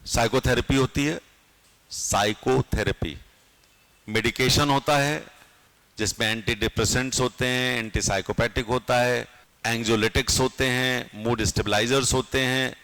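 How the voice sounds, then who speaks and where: A man teaching an exam-prep class, his voice at a medium pitch. He keeps things lively, checking in with his students through rhetorical questions. The sound is dry and close, with little room echo. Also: moderate pace, clean tone.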